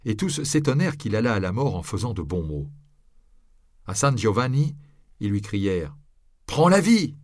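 Male audiobook narrator, low voice, measured delivery, dry studio sound. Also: expressive, no echo.

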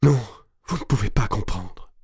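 A man's voice: on the low side, expressive, normal speed, mellow, slightly rough, no echo, clean studio sound, pitched above the performer's own voice. A man voicing a grieving young woman who pleads and wails through her sobs, his voice pushed well above his own. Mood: sobbing. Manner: wailing, pleading, broken by sobs.

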